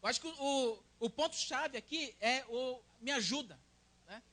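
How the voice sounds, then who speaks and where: A young man with a Brazilian Portuguese accent preaches a sermon. His voice sits very high and sounds bright and forceful. He talks like a friendly conversation and keeps checking in with "né?". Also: moderate pace. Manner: conversational, tags sentences with "né?".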